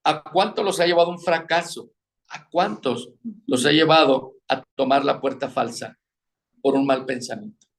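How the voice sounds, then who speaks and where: A man's voice: medium pitch, moderate pace, gravelly. A man preaching a sermon on marriage, asking his listeners questions. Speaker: pastor teaching on marriage.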